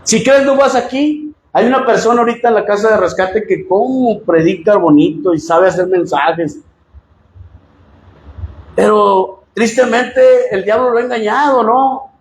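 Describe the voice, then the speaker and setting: A Mexican pastor preaching a sermon, swinging from loud emphatic lines to low asides. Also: male voice, measured pace, roomy sound, rough recording.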